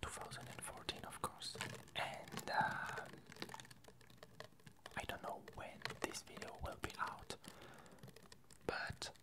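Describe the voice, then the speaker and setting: The host of this ASMR video, a woman, shares a casual update in a whisper, pausing often between short, hesitant phrases while ice clinks nearby.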